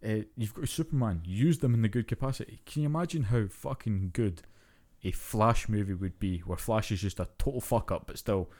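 Pitched fairly low, a young man co-hosting a podcast talks fairly quickly and barely pauses. He rants in a casual, animated way and swears without holding back.

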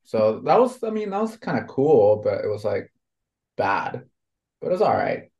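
A man's voice: medium pitch, big pitch swings, moderate pace, vocal fry, darkish tone. Rambling man in his thirties, from Honduras. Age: 30s. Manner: rambling, lots of fillers like "you know". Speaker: tattoo artist guest. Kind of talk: casual conversation.

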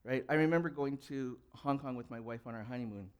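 A young adult man with a clear, resonant mid-range voice talks fast while preaching a conversational sermon and posing questions to the congregation. He is a pastor raised in an English-speaking country whose first language was Cantonese.

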